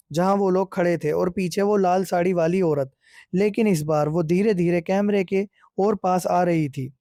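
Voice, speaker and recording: A man narrating a scripted horror story in a steady, suspenseful way. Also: high-pitched, no echo, clean studio sound.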